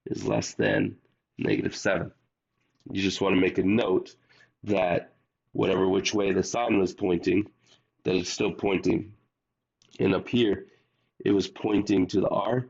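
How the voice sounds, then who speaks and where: A man with a low, gravelly voice walks students through math problems step by step, sounding under the weather. The recording is dull and lo-fi, like a homemade lesson video. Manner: steady step-by-step explaining, talks to students directly. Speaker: math teacher.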